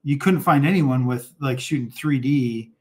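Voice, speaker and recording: A man with a mid-range, somewhat dark voice hosts an interview podcast at a moderate pace. He chats casually and enthusiastically, with plenty of fillers and restarts.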